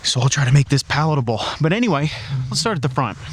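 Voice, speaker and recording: A man's voice: a little high, lively intonation, quick pace, slightly rough. Chatty man filming outside in the cold. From Colorado. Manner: chatty, loose, lots of "like" fillers. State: cold, breathing a little hard. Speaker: car vlogger. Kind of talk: casual walkaround vlog. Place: outdoors beside a car in freezing weather.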